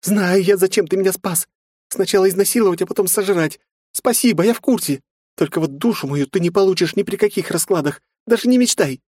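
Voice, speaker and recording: A man's voice: fairly quick, a little mellow, dry recording, clean studio sound. A man voicing a terrified young woman who shrieks at the demon she fears. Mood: frantic accusing. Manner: shrill panicked shrieking.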